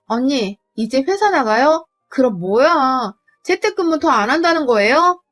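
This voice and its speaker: A woman voicing a pushy, entitled young sister-in-law who talks in a shrill, demanding, wheedling way. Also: measured pace, soft background music. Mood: excited.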